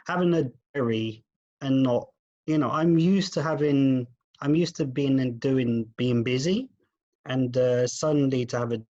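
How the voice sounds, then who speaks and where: A man's voice: medium pitch, a little mellow, no echo. Man on a glitchy, cutting-out call. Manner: halting and candid, with frequent restarts. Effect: glitchy audio cutting out over a weak connection. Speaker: team member on a group video call. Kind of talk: casual video call check-in. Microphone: video call. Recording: dull, dry, lo-fi video call audio.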